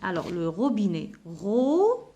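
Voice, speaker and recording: This primary school teacher, a woman with a medium-pitched, mellow voice, speaks slowly yet with great animation during a classroom lesson. The recording is muffled. She repeats words unhurriedly, spells out letters and sounds, and mixes in Arabic words to explain meanings.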